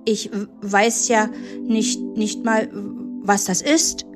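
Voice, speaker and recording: A woman's voice: medium pitch, fairly even intonation, slow, over music, voice pushed up, close to an everyday voice. A woman voicing a very young, frightened sheep that stutters timidly in a storybook tale.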